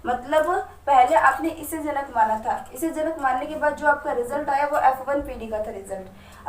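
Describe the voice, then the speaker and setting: A woman with a high voice teaches science at a board, asking herself question after question and answering each one, and she speaks directly to her students. Her voice rings around a reverberant room and reaches the mic from a distance, with a faint hiss underneath. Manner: asks herself questions and answers them step by step; talks straight to students. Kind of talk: whiteboard lesson.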